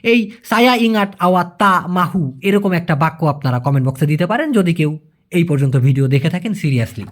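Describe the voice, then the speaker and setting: A man teaching a language lesson in a casual way, repeating phrases slowly and calling his viewers brother. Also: on the high side, lively intonation.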